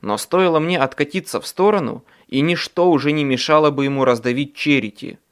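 A man narrating an audiobook in first person with a dramatic, expressive delivery. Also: a little high, a little fast, clear, resonant tone.

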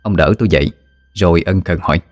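Low voiced guy reading a ghost story, dry close sound. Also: quick pace, dry recording, soft background music. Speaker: narrator.

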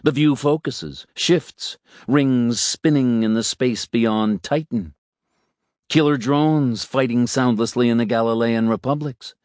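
A man reading a story aloud in a measured, unhurried way. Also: mid-range voice, a little mellow, no echo, clean studio sound. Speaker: narrator. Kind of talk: storybook narration.

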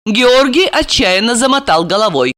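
A woman narrating an audiobook in an expressive, dramatic reading style. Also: normal speed, dry recording, clean studio sound. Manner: expressive, acts out the heroine with high cries.

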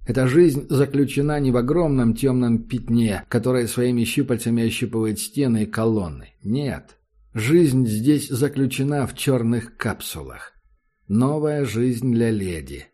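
Male audiobook narrator, measured and ominous, mellow dark timbre, even pace. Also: mid-range voice. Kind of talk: scripted narration.

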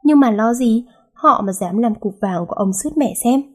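A woman narrating a romance novel in a lively, amused storytelling manner. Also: a little high, moderate pace, husky. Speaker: audiobook narrator.

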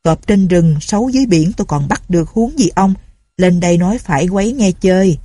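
Brief: gloating old bandit boss, played by a woman, low husky voice, dry sound. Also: fairly quick, dark tone, no echo, close to an everyday voice. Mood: boastful. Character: old male bandit chief, boastful and menacing.

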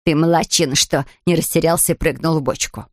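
A woman's voice: sits low, fairly even intonation, a little fast, dry recording, clean studio sound, natural voice. A woman voicing a grumbling older female housekeeper in a storybook reading. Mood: approving.

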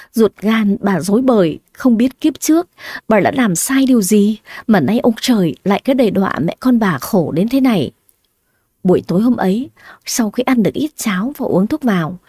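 Mellow husky woman narrating a story. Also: mid-range voice, no echo, clean studio sound.

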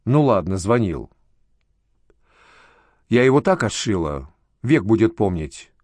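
Man voicing older woman, schoolteacher mother, brisk, scolding, protective, spoken story, lively pitch, dry close sound. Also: no room sound, full character voice. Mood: scornful.

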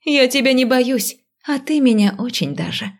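A defiant, teasing young heroine, as the reader voices her, bright and quick with retorts. Her lines rise livelier than the narration around them in this audiobook. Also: high voice, expressive, voice pushed up. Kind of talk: audiobook reading.

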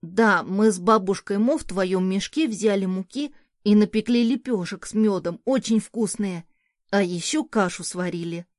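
A woman's voice: medium pitch, normal speed, dry recording, close to an everyday voice. An eager, affectionate little boy chatters insistently about his morning, voiced by a woman reading a storybook. The sound is close and dry, with no room around it. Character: small boy, a young son, eager and affectionate.

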